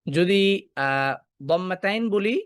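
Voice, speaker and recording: Patient teacher quizzing and repeating. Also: male voice, sits high, animated, takes it slowly, fairly bright tone, clear, resonant tone, no echo. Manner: asks questions and answers them himself, repeats key points. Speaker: Quran recitation teacher. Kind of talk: classroom lesson.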